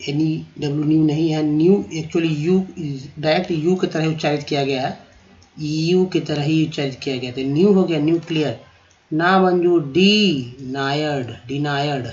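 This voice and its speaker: Slow, patient male English tutor. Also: on the high side, darkish tone, muffled recording. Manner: slow, drawn-out repetition of each word. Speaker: English vocabulary teacher. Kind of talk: spelling and pronunciation lesson.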